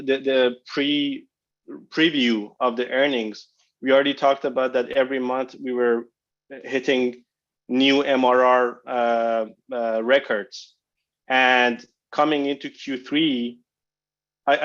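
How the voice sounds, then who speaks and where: A man, a company executive, answering analysts' questions on a conference call, speaking hesitantly with many fillers and restarts. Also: mid-range voice. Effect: conference call phone line. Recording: dull lo-fi conference line.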